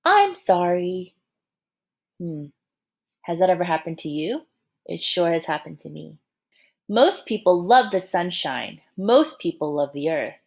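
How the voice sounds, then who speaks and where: A woman reads a picture book aloud to young children the way a teacher would, expressive and encouraging. She pauses to ask her listeners questions and to slip in asides. Her voice sits on the low side and has a gravelly edge.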